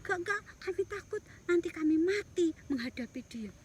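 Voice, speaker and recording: A group of scared soldiers, as a woman storyteller puts them on, protesting in a rush in a bedtime story. Her very high voice carries the fear. Faint noise sits underneath. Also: lively intonation. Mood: afraid. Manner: fearful, hurried protests. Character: frightened male soldiers, trembling and pleading.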